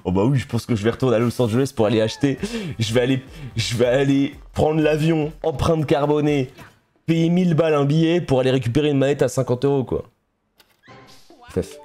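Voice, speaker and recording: A man's voice: medium pitch, steady tone, brisk, dark tone. A young man from France chatting casually on a live stream while playing a game, telling stories and laughing often.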